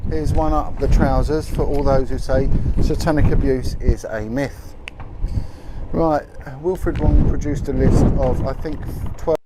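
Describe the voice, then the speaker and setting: A man's voice: mid-range voice, steady tone, a little slow. A man hosting a casual livestream outdoors on a boat, rambling and reading out figures with plenty of ums. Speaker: livestream host. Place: outdoors on a boat in strong wind. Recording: wind and engine noise.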